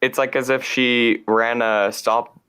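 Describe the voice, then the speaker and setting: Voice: mid-range voice, flat delivery, slow, fairly bright tone, smooth. A podcast co-host who chats casually and asks curious questions with little laughs. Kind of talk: casual chat.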